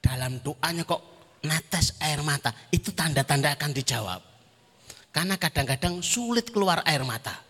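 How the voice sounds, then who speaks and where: A man with a Javanese accent giving a sermon, swinging between loud emphatic preaching and soft humorous asides. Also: on the high side, expressive, moderate pace. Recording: long hall reverb.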